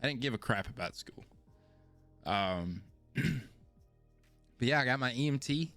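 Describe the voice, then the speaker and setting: A man's voice: medium pitch, lively intonation, measured pace, fairly bright tone, dry recording, faint music behind. A man hosting a podcast, telling his own story in a casual, rambling, self-deprecating way that often repeats phrases. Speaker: podcast host.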